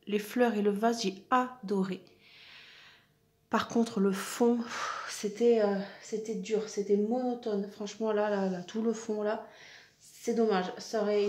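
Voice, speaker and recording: A woman's voice: medium pitch, a little mellow. A woman, a crafting vlogger chatting casually, with many fillers and restarts, as she shows her finished pieces. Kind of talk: casual show-and-tell vlog.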